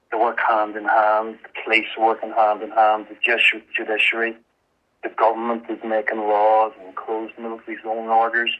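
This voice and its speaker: A man giving an earnest, halting, emotional personal account as a guest in a radio interview. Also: lowish voice. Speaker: interview guest, activist volunteer. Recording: muffled, band-limited radio interview sound.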